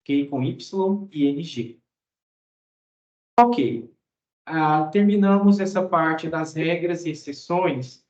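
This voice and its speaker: A man's voice: on the high side, slow, pauses often, darkish tone. Brazilian man teaching English grammar. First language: Portuguese. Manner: explanatory, checks in with "né?" and "tá?". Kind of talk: explaining grammar lesson. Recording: roomy, dull lo-fi sound.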